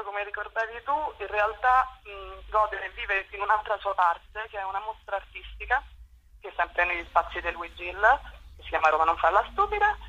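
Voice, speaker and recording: Bright and forceful, a young woman's mid-range voice comes through a muffled, rough phone call. She's a youth group spokesperson appearing as an interview guest, explaining matters informally.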